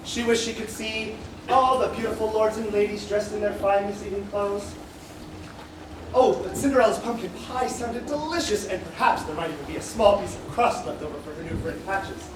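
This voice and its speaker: A woman playing an expressive, gently chiding storyteller in a children's stage musical. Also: medium pitch, normal speed, noisy background, lightly acted. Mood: wistful. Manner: expressive, exclaiming. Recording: very echoey theatre, distant, music.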